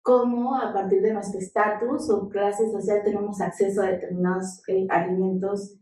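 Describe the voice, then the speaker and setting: Female scholar, dark mellow voice, conversational seminar talk, distant pickup. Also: mid-range voice, flat delivery, normal speed. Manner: often ends phrases with questioning tags. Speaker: researcher. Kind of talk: conversational academic discussion. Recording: very echoey, distant microphone.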